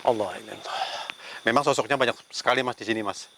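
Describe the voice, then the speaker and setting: A man's voice: medium pitch, fast, background noise. A man narrating a ghost-hunting vlog outdoors among banana trees, murmuring prayers and challenging unseen spirits. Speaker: paranormal investigator.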